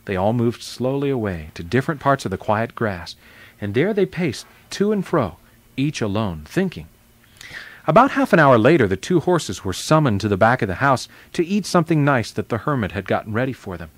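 A man hosting a children's radio show, reading a novel aloud in an expressive, lively storytelling manner. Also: medium pitch, normal speed, dry recording.

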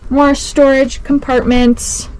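In this casual van tour vlog, the young woman's high voice comes across flat and slow, though the tour itself is upbeat and giggly. She talks into a handheld camera that starts close and then roams the van. The sound quality is poor.

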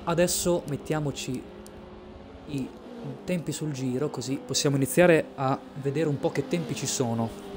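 A man giving casual live sim racing commentary as a streamer, hesitating and repeating words as he goes. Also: mid-range voice. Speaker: esports race commentator and streamer.

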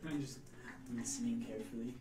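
A man's voice: medium pitch, fairly even intonation, fairly quick. A man chatting casually as a player in a tabletop role-playing game. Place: indoor panelled room, around a table. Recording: echoey room, distant mic, music behind.

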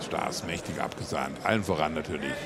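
A man giving live boxing commentary for television in measured short phrases with pauses between them. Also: extremely low pitch, creaky. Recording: loud arena crowd and noise. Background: crowd and arena noise.

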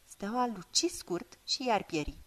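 A woman narrating a fantasy audiobook in a measured, expressive reading voice. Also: mid-range voice.

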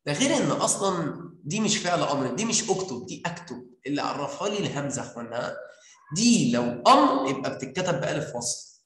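Egyptian guy teaching grammar, high voice, keeps asking the kids questions, big echoey room. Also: fairly bright tone. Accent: Egyptian Arabic. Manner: coaxing, quizzing pupils with questions. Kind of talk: grammar lesson explanation.

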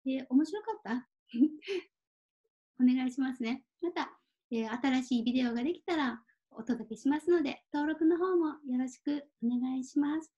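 A woman's voice: high voice, dark tone. A woman teaching a vocabulary lesson, repeating each word several times and adding short English glosses. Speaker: Japanese language teacher. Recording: dull lo-fi audio.

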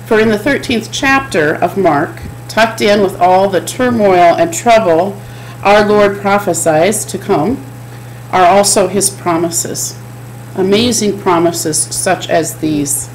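A middle-aged woman preaches earnestly in a steady, repetitive cadence, her pitch sitting in a middle range. She speaks from a home office into a desk webcam. A faint hum runs underneath her voice. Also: slow pace, poor audio. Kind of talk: chapel sermon. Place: home office with bookshelves, indoors.

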